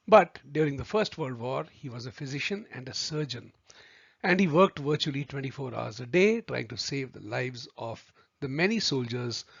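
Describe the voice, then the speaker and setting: A man teaching a video lesson, speaking deliberately and addressing viewers as friends. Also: medium pitch, gravelly, slightly rough, no room sound. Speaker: homeopathy tutor. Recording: dry, slightly muffled recording.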